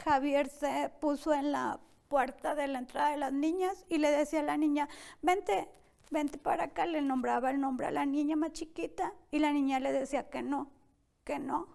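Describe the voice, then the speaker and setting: High-voiced woman recounting a painful ordeal. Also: steady tone, normal speed, creaky, a little mellow. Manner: tense, recounting events with many quoted exchanges. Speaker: interview guest. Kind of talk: emotional personal testimony.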